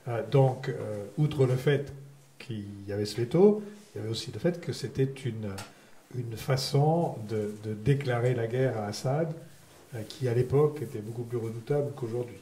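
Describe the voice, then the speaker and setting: A man with a mellow voice of average pitch gives off-the-cuff analysis on a panel. The recording has a clear room echo. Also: normal speed, a little hiss or hum. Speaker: panel speaker. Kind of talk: unscripted analysis at a panel discussion. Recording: echoey room.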